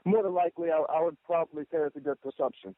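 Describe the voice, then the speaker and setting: A man's voice: fairly high pitch, fast talker, dry recording. A man chatting casually as a podcast guest over a narrow phone connection. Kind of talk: casual chat. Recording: narrow, tinny phone-line audio.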